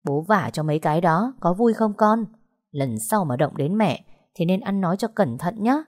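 A woman's voice: deep voice, big pitch swings, unhurried, fairly bright tone, no room sound, studio quality, full character voice. A woman voicing a fierce, foul-mouthed young woman who scolds and threatens bluntly in a storybook reading. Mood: taunting.

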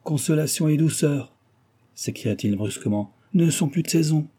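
A bitter, ruined gentleman in an audiobook, proud and agitated, his speech pushed up high and loud with resentment, as a male narrator puts him on. The voice is dark and husky underneath. He hammers each phrase with vehemence. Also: normal speed, natural voice. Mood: bitter vehement. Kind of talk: audiobook character reading.

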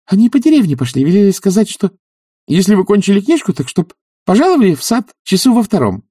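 An eager young housemaid, as a male reader puts her on, her voice lifted high and hurried. There is a husky edge under the raised tone. The recording is close and dry, a storybook voice. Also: big pitch swings, dark tone, no echo, exaggerated voice.

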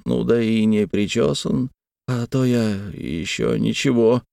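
A man reading as a gravely ill, wounded young man who speaks weakly, slowly and with irony. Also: medium pitch, darkish tone, no room sound. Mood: weak wry. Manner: weak, slow, ironic.

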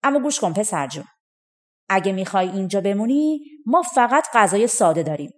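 A woman's voice: mid-range voice, sing-song, long reverb tail, close to an everyday voice. A woman voicing a stern farm master in a folk tale, speaking curtly. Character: stern middle-aged male farm master.

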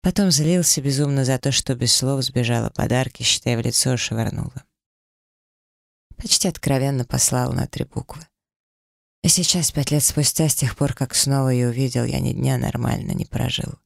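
Male audiobook narrator, gravelly and intense, dry close read. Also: mid-range voice, moderate pace, dry recording. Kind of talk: first-person audiobook narration.

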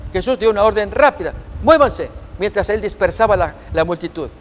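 High-voiced preacher in a reverberant hall. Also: male voice, fast talker. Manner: reads scripture aloud and asks the listeners rhetorical questions. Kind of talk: sermon-style Bible teaching.

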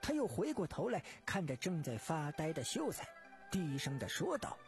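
Expressive storyteller with lively pitch. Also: moderate pace, faint music behind. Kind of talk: dramatic story narration.

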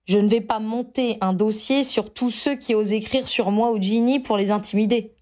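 A woman reading a storybook, voicing a calm, measured young man. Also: on the high side, natural voice.

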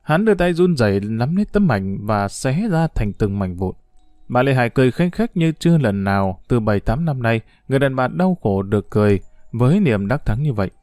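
A man's voice: medium pitch, sing-song, fairly quick, a little mellow, no room sound, studio quality. A man reading a crime novel aloud as an audiobook, shifting his voice for each character's dialogue. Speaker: narrator.

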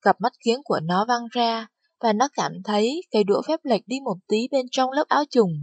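A woman narrating an audiobook with steady storytelling delivery. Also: fairly high pitch, moderate pace, slightly rough, no room sound. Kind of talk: scripted narration.

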